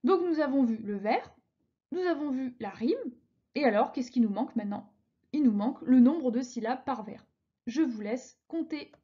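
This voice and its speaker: A woman's voice: sits high, animated, moderate pace, husky, lo-fi sound. A woman teaching a recorded lesson, explaining verse patiently and reading lines syllable by syllable. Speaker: French teacher.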